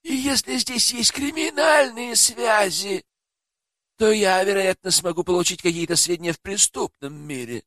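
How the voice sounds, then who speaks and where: A man's voice: normal speed, a bit bright, no echo, studio quality. A man doing a haughty young woman adventurer. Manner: purring, coquettish falsetto. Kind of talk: audiobook character voice.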